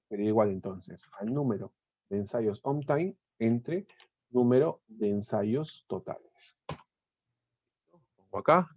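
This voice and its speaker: A man's voice: mid-range voice, a little mellow, dry recording. Man giving a dull lo-fi screen tutorial. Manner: explanatory, repeats and restarts words, checks in with "¿sí?". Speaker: instructor. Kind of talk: screen-recorded software tutorial.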